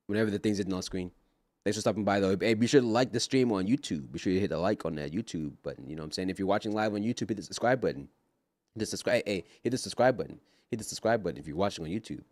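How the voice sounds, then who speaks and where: A man streaming live, reacting to clips in a relaxed, slangy, joking way. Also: on the low side, fast talker, no echo. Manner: laid-back, joking, slangy commentary. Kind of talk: casual live-stream chat.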